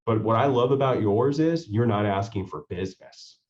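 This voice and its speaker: A podcast host with a lowish male voice chats in an enthusiastic, rambling way. The recording sounds dull and lo-fi. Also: animated, normal speed, darkish tone. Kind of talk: casual podcast chat.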